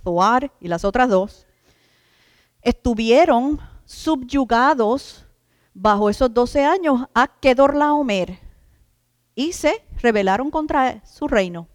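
A woman's voice: on the high side, animated, slow, dry recording, studio quality, long reverb tail. A woman preacher giving an emphatic sermon, stretching out key words and addressing the congregation as brothers.

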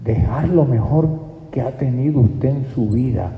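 Male preacher, gravelly, fervent and pleading, long hall reverb. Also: medium pitch, a little slow. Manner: fervent, pleading, rises to near shouts. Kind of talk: sermon. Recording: dull, echoey hall.

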